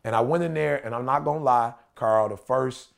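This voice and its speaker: A creaky, mid-range male voice at normal speed belongs to an American in his forties. He tells personal stories in a relaxed podcast conversation, sounding like a preacher or motivational speaker. He repeats himself, leans on slang and emphasis, and keeps making sure the listener follows.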